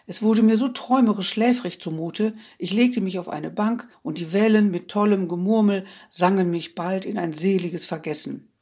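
Husky, expressive audiobook reader. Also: mid-range voice, moderate pace, hardly any pauses. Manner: expressive, wistful first-person reading. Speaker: audiobook narrator. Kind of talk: literary audiobook reading.

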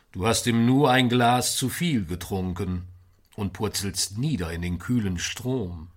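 A man reciting a poem with expressive delivery, his volume swelling and dropping. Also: fairly low pitch, breathy edge. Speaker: poetry reciter. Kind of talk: dramatic poetry recitation.

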